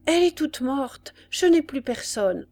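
A woman's voice: high-pitched, very animated, unhurried, darkish tone, voice pushed up, exaggerated voice. A woman voicing a frightened, ragged young peasant mother who answers hesitantly. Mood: timid. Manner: timid, hesitant replies.

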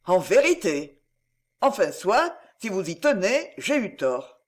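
Composed commanding nobleman, read by a man; cold and measured, high animated pitch. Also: full character voice.

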